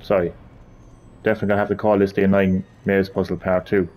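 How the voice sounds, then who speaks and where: A man's voice: deep voice, level tone, quick pace, darkish tone. A man giving gameplay commentary, frustrated, swearing and muttering to himself as he plays. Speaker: gamer.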